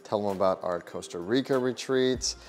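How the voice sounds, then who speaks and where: A man in his thirties vlogging in a casual chat with a raspy morning voice, upbeat and energetic, filmed in a home kitchen. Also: fairly low pitch, normal speed. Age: 30s. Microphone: handheld camera mic. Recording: long reverb, faint music behind.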